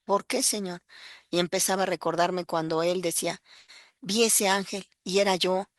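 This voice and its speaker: A woman's voice: fairly low pitch, steady tone, moderate pace, dry recording, studio quality. A woman with a Mexican accent giving an emotional personal testimony, earnest and full of fillers as she tells her story. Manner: earnest, breaks into acted quotes, many fillers.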